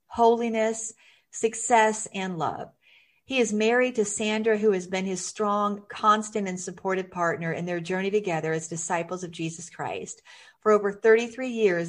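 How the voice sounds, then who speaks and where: Lady podcast host, reads out a formal intro then chats, medium-pitched voice.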